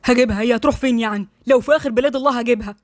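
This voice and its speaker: A woman's voice: fairly high pitch, very fast, dry recording, clean studio sound, close to an everyday voice. Woman doing a stern, commanding Egyptian man. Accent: Egyptian Arabic. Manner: firm, curt.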